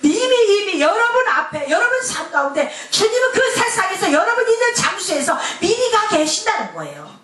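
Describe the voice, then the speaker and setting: Animated woman pastor, echoey hall. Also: very high-pitched, moderate pace, hardly any pauses. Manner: animated preaching, dropping to a soft hush for quoted lines. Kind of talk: Sunday sermon. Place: church sanctuary. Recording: echoey church hall, mic far off.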